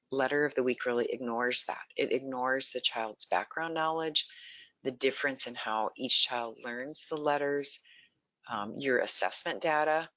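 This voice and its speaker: A woman's voice: a bass voice, fairly bright tone, dry recording. A woman educator giving a webinar on teaching the alphabet, explaining and modeling letter sounds as she goes. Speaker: early literacy educator. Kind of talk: webinar presentation. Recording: dull, slightly lo-fi audio.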